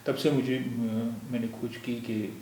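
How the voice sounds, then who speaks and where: A man's voice: medium pitch, flat delivery, mellow. A man teaching a language lesson, patiently explaining each point step by step and repeating terms. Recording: echoey room with faint noise.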